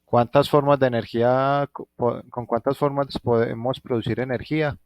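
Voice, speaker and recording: A man's voice: mid-range voice, fairly even intonation, moderate pace, no echo. A Colombian man teaching a physics class online from home, thinking aloud and often checking in with his students. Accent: Colombian Spanish. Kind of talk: live online class lecture.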